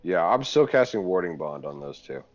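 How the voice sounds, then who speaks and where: A man's voice: deep voice, very animated, normal speed, lo-fi sound, soft background music. A man playing in a tabletop game, talking in a dry, sarcastic way. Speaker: player.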